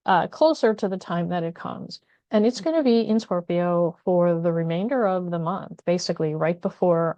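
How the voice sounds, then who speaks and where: A woman hosts an astrology video, offering casual spoken guidance in a thoughtful way, with many fillers and restarts. Her fairly low voice is warm, clear and resonant. There's no room sound, though the audio is dull.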